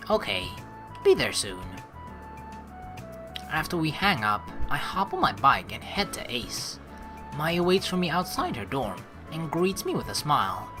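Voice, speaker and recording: A woman gamer hosts a let's play, mixing game commentary with reading the story text aloud. Her low-pitched voice is lively and bright, and she's chatty and informal with rambling asides, over game music.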